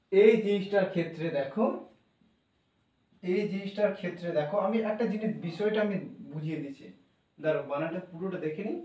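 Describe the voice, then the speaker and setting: A man teaches English spelling and pronunciation, spelling words out letter by letter, repeating phrases and key points, and pausing to check spellings. His voice is fairly high-pitched with a darkish tone. The mic sits some distance away, picking up a roomy echo.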